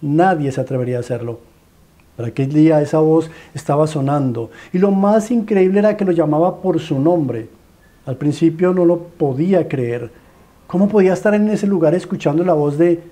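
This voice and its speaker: A man with a Colombian accent and a fairly high, warm voice preaches a sermon as a dramatic story, pleading as he piles up rhetorical questions and repeated phrases.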